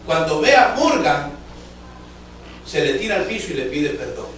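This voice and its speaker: A man preaching a fervent sermon to his congregation, telling a story with drawn-out emphatic phrases and speaking to the listeners directly. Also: on the high side, big pitch swings, fairly bright tone, slight background noise. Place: church sanctuary. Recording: echoey church hall from far off.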